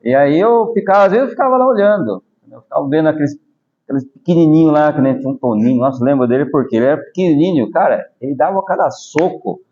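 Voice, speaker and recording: A man's voice: a little high, quick pace. A middle-aged Brazilian man, a taekwondo master, telling stories and explaining patiently in a casual interview. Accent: Brazilian Portuguese. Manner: animated, explains patiently with small asides. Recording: slightly dull lo-fi audio.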